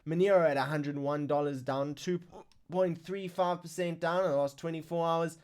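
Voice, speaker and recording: A man hosting a live crypto news stream, reading market figures in a casual, excitable way while fighting the hiccups. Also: fairly high pitch, normal speed, clear, resonant tone. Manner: excitable, exclaims over numbers.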